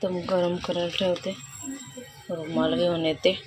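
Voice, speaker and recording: A woman's voice: on the low side, level tone, measured pace, over music. A young woman with a Marathi accent narrating her household chores in a casual home vlog, chatty and talking as she works. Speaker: vlogger, homemaker and mother. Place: home kitchen. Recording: loud background noise at home.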